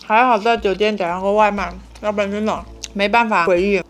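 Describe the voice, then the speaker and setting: A young adult woman, a food vlogger, eats in a small room while giving casual, enthusiastic commentary, emphasizing points by repeating words. Her medium-pitched voice stays steady and brisk, with soft music behind her.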